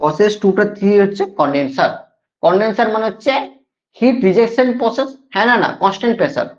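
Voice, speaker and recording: A man's voice: high-pitched, expressive, fast talker. A male teacher with a Bengali accent giving a classroom lecture, repeating key points and often checking that students follow. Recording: dull lo-fi sound.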